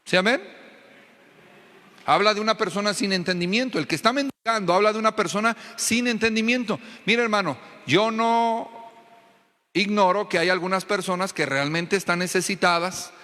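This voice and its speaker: A man's voice: high-pitched, normal speed, pushed and bright. A Mexican man preaching a fervent sermon as pastor, often asking his congregation questions. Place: church hall. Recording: echoey church hall.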